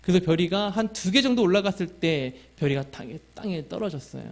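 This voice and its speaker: Pastor, man, high voice, earnest sermon delivery that asks the congregation questions. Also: animated, quick pace. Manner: tells a family story and acts out his child's lines.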